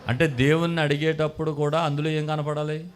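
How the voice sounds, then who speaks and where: Pastor, male, high-pitched voice, emphatic call-and-response preaching. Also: level tone, fairly quick. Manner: call-and-response preaching, mimics prayers, rising emphatic bursts. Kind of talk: sermon.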